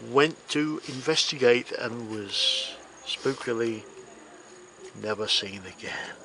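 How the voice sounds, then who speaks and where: A man delivering card magician patter as spooky storytelling, with theatrical, deliberate phrasing and dry humour. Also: mid-range voice, background noise. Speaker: magician presenting a trick of the week.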